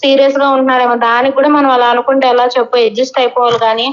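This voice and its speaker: A woman's voice: sits high, little pitch movement, racing. A woman talking on a phone call, scolding and reassuring a friend and often talking over her. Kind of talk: casual phone chat. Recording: muffled phone audio.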